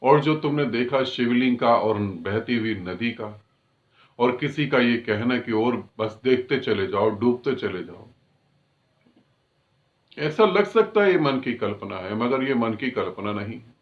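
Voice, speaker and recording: A man, a spiritual teacher, calmly and assuredly explaining a student's meditation experience. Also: mid-range voice, a little slow, highs cut off.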